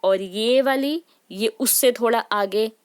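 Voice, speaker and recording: A woman's voice: fairly high pitch, slow, smooth. A woman teaching a lesson to children, patient, often checking in with questions and asking them to say sounds aloud with her. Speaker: Hindi teacher. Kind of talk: classroom lesson.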